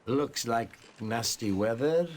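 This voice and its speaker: A meek, blind old beggar from a video game, who pleads slowly and humbly. His voice is mid-pitched, and a faint hiss sits under it. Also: animated. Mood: pleading.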